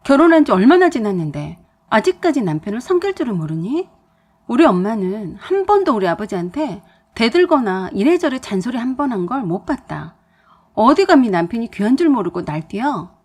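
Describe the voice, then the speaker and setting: A woman voicing an angry, domineering husband who scolds loudly in a story reading. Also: on the high side, very animated, a little fast, breathy edge. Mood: angry shouting. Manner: loud and scolding.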